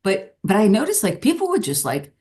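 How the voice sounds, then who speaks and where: A woman's voice: mid-range voice, huge pitch swings, fairly quick, warm tone. A middle-aged woman, a business professor and podcast guest, talking in a casual, rambling way and often breaking into laughs. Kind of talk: casual interview conversation.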